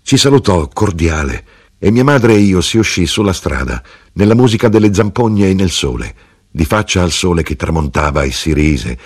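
A man narrating an audiobook of literary fiction, unhurried and expressive. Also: sits low, slightly rough.

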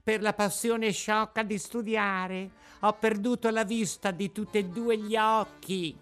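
A man voicing a cunning cat faking blindness in an audiobook, slow and whining. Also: sits high, fairly even intonation, over music, voice pushed up. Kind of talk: audiobook character voice.

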